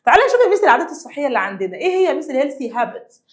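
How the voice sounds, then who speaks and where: A young woman with an Egyptian Arabic accent teaching an English lesson to children, coaxing them along and repeating words slowly. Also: high voice, big pitch swings. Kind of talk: classroom lesson explaining vocabulary.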